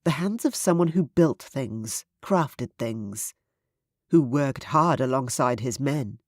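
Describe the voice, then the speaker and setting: A synthetic-sounding audiobook narrator reads first-person fiction. The voice sits at a middle pitch, smooth and even. The recording is dry and close. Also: takes it slowly, no room sound.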